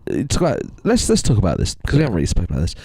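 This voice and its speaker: A man's voice: low-pitched, wildly swooping pitch, very fast, creaky, warm tone, husky, dry recording. A young man co-hosting a podcast in casual chat, laid-back and swearing freely. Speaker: podcast co-host.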